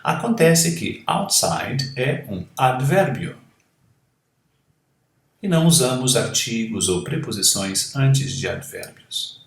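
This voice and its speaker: A man teaching English as a second language, speaking at an unhurried, deliberate pace with a lot of rise and fall in his pitch. He draws out his model words carefully, and the room around him rings with an echo. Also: lively intonation. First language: Portuguese. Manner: slow, careful, drawn-out model pronunciations. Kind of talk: language lesson. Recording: echoey room.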